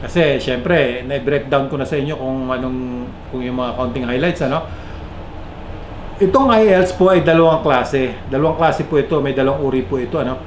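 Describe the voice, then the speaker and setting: Brisk and chatty, a Filipino man with a Filipino accent explains things vlog-style, blending English with Filipino and shouting out his viewers. His voice swings up and down sharply in pitch and loudness, and the echoey room carries a faint background noise.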